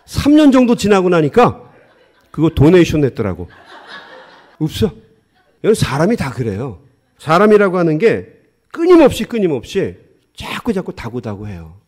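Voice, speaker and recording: Lively, animated man preaching. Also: on the high side, normal speed, long pauses, slightly rough. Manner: lively storytelling, acts out dialogue, laughs often. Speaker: pastor. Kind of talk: sermon with humorous anecdotes.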